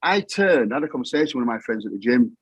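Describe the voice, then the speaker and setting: A man's voice: mid-range voice, very animated, rapid-fire, slightly rough, no echo, poor audio. A middle-aged man with a Yorkshire accent, telling his story in plain-spoken, matter-of-fact talk that often repeats itself. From England. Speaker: guest. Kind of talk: casual storytelling.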